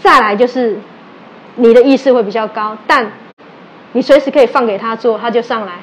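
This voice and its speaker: A woman speaks with a somewhat high voice at a slightly fast pace, giving a sermon as a religious teacher. Her Taiwanese Mandarin is mixed with Taiwanese Hokkien, and she tells animated stories, acts out quoted exchanges and questions her listeners. The lo-fi audio has slight background noise.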